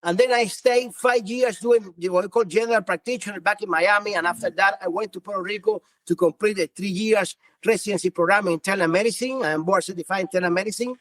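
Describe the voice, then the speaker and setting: A man's voice: high-pitched, fast, few pauses, fairly bright tone, no room sound. A man in his fifties from Cuba with a Cuban Spanish accent, Spanish his first language, a physician answering earnestly in a podcast interview with many restarts. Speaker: physician guest.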